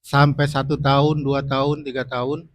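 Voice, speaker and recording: A man's voice: mid-range voice, little pitch movement, normal speed. A man from the audience asking a question, hesitant with many fillers.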